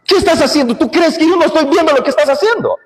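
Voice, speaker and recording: A man's voice: extremely high pitch, animated, quick pace, reverberant, in a large hall, voice pushed up. A man voicing the Lord as a stern but caring divine male voice, speaking with urgent questions. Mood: urgent rebuke.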